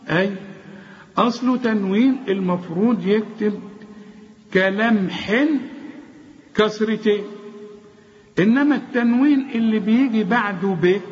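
A high-pitched man with an Egyptian accent leads a tajweed lesson. He fires off rhetorical questions and then stretches out chanted example words. The sound is dull and lo-fi, with a long echo trailing behind him. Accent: Egyptian Arabic. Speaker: Quran recitation teacher.

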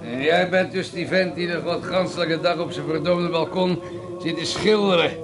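In a Dutch radio play, an actor voices a crude, boozy, domineering older man, gruff and mocking with swearing bluster. His voice is a little high at a normal speed, and a crowd can be heard in the background.

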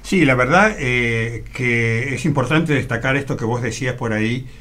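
A man speaks as a co-commentator on a radio news program, his voice at an average pitch for a man. He talks in a measured, hesitant way, often pausing on "eh" and "este" before picking up his point. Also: a bit bright. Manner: measured, hesitant, filler pauses. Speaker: co-host commentator.

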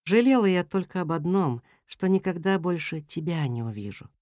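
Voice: mid-range voice, animated, moderate pace, dry recording, clean studio sound, natural voice. Мама-кошка из детской аудиокниги, ласковая, мягкая, тихая, чтец изображает. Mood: wistful. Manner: soft and tender. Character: gentle slender mother cat, tender and brave. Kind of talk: storybook reading.

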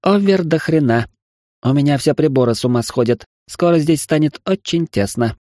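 A man's voice: fairly high pitch, normal speed, a little mellow, no room sound, studio quality, pitched above the performer's own voice, close to an everyday voice. A man voicing a brash, bossy woman radio operator with a brusque, slangy manner.

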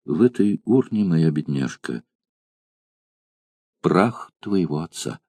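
Tearful grieving roman mother pleading softly, a deep-voiced guy reading her in an audiobook. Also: very animated, moderate pace, gravelly, no room sound, full character voice. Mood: grieving tender. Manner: sobbing, pleading tenderness.

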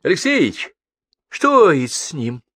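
A panicky male operative, rough and jittery, yelling in a raised voice, as a man performs him. The voice is gravelly and lively. The recording sounds dry and close. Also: high-pitched, unhurried, dry recording, pitched above the performer's own voice, heavily acted. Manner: shouting, jittery.

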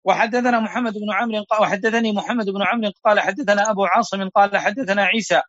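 Male sheikh, high voice, quick steady recitation, dull lo-fi online audio. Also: no echo. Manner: fast steady recitation of narrator chains. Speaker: sheikh teaching a lesson. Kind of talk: reading hadith chains aloud in an online class.

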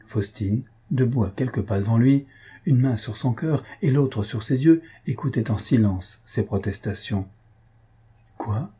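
A man narrating a classic novel as an audiobook in a measured, steady reading. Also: medium pitch, husky.

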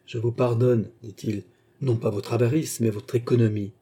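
A man's voice: medium pitch, steady tone, moderate pace, mellow, husky. A man reading an audiobook, voicing a grasping rogue who talks in a mock-serious, pompous way. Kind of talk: audiobook character voice.

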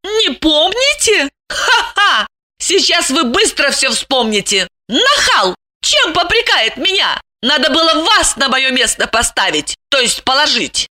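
A woman voicing a shrill, indignant housewife. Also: big pitch swings, bright, forceful tone, full character voice. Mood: furious scolding. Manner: shrill, scolding, quick to flare up. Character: indignant, excitable plump married woman. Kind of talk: audiobook character voice.

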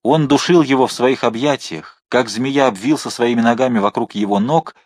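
A male narrator reads an adventure novel with expressive, dramatic delivery. His voice sits at an average pitch, and the recording is dry and close with no room sound. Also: normal speed, dry recording. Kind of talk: audiobook narration.

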